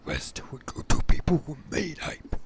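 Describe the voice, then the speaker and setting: A man's voice: moderate pace, in a whisper, close to an everyday voice. A man voicing a scheming nonhuman male drug peddler with a thick put-on accent, speaking broken English about himself in the third person. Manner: broken grammar, pushy salesman patter.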